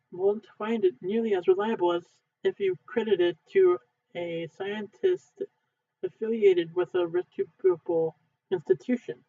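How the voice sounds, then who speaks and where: A high-pitched, mellow-voiced man, an amateur who owns the channel, reads instructional textbook material aloud in an unedited take. He goes haltingly, word by word and a few words at a time, stumbling like someone practising. The recording is narrow and muffled, like a phone line.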